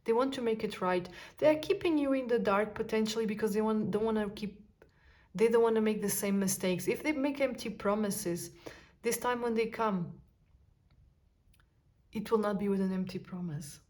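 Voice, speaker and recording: A woman giving an intuitive tarot reading, talking softly and musing aloud with sighs and pauses. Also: medium pitch. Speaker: tarot card reader.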